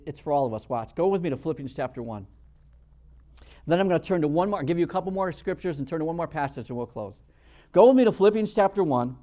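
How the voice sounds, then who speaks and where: A man preaching a sermon as pastor, acting out quotes and swinging between quiet storytelling and loud bursts, often repeating words as he restarts. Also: sits high.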